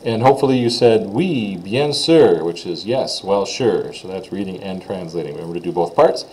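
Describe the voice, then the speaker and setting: A man's voice: low-pitched, a little fast, a little mellow, poor audio. A man teaching a casual recorded French lesson, talking informally with frequent "uh" fillers.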